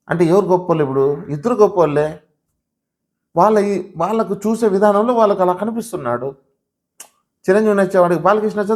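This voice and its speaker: A man reviewing a show in casual spoken commentary, arguing with many rhetorical questions and talking straight to viewers as "sir". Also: on the high side. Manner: animated, argumentative, full of rhetorical questions; addresses viewers directly as sir.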